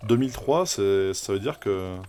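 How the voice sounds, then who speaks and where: A man's voice: on the low side, lively intonation, normal speed. A man streaming a video game, chatting casually and rambling with many fillers and restarts. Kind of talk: casual live gameplay commentary.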